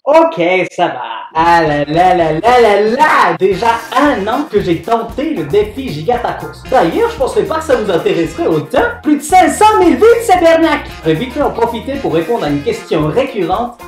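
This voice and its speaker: A greedy, excitable young Canadian guy, put on by a man in a put-on Québécois accent, talking high and with wild swoops of pitch. His loud, theatrical exclamations ring around an echoey room, with faint music under him. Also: a little fast, few pauses. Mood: chatty. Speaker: YouTuber doing food challenges. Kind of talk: comic food-tasting vlog.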